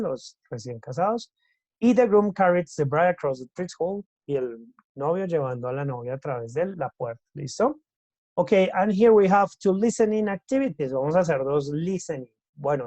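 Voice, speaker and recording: A man's voice: fairly high pitch, animated, normal speed, darkish tone, no echo. Man teaching English, dry sound. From Colombia. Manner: switches between Spanish and English, checks in with repeated "listo?". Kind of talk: recorded class explanation.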